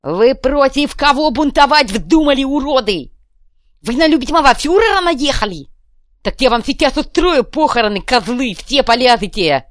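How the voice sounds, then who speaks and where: A woman voicing a one-eyed, brutal male gang boss who bellows slow, drawn-out threats. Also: sits high, very animated, dry recording, studio quality, voice pushed up. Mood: bellowing threats. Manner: shouted threats, drawn-out barking.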